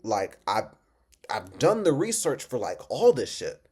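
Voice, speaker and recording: A drunk man with a mid-pitched voice delivers an impassioned, unscripted rant. He rambles and circles back on his words, leaning hard on his points. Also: huge pitch swings, measured pace, darkish tone, breathy edge. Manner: emphatic, repetitive, rambling. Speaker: reaction video host.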